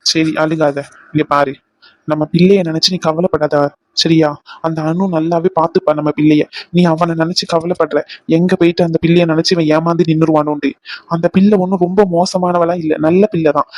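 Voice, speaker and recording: A man's voice: fairly high pitch, level tone, a little fast, no echo. Brief: man, earnest family-drama cartoon voice, dry booth sound. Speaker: voice actor for male family members.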